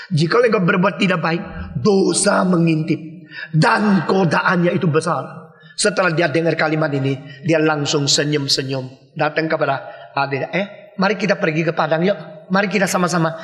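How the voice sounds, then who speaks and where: A pastor preaching dramatically, acting out voices in the story and breaking into loud emphatic bursts. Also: male voice, a little high, fairly quick. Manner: dramatic, acts out voices in the story, mixes English phrases. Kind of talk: sermon. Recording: echoey hall with long reverb.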